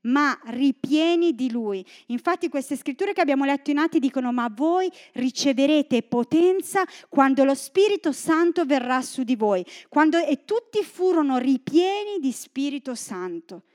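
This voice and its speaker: A woman's voice: high-pitched, normal speed, few pauses. A woman from northern Italy preaching a sermon in a church, reading scripture and joking with the congregation. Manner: lively, joking asides to the congregation.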